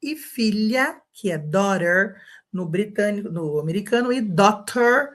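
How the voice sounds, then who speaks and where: A woman's voice: medium pitch, lively intonation, a little slow. A Brazilian woman teaching an online English lesson, chatty and encouraging, checking in with her students again and again. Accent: Brazilian Portuguese.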